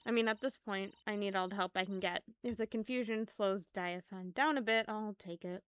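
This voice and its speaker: A woman's voice: mid-range voice, moderate pace, clear, resonant tone, no echo, close to an everyday voice. A woman reading the lines of an earnest, friendly young female protagonist in a game, in a polite, plain way.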